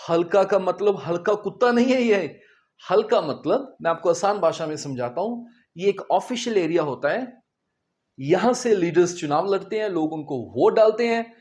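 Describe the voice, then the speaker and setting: A man teaches vocabulary at an unhurried, measured pace. He spells each word out letter by letter, explains its meaning plainly, and keeps quizzing his students as he goes. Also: sits high. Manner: spells words letter by letter and explains them simply; addresses the students directly with questions. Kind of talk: vocabulary lesson.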